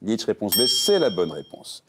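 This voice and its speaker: A man's voice: lowish voice, sing-song, background noise. A man hosting a religious quiz game show, reading questions and answer options with playful puns. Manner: playful, jokey, reads options briskly.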